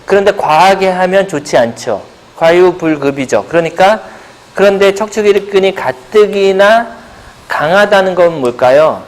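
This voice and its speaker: A man's voice: high-pitched, animated, moderate pace. A middle-aged male pilates instructor giving a seminar lecture, asking the audience questions and answering them himself, with playful buzzer noises. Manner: playful buzzer sound effects. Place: seminar room.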